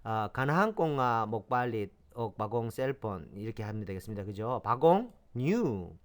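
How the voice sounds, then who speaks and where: A very animated male teacher talks at a normal speed and medium pitch during his lively homemade language lesson. He drills phrases out loud, explains words, and uses plenty of fillers and repetition.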